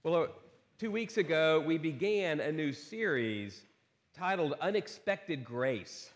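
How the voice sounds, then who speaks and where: A man's voice: on the high side, lively intonation, takes it slowly, long reverb tail. A man preaching a sermon as pastor at a pulpit microphone in a church, earnest and repeating key lines with rhetorical questions. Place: church sanctuary.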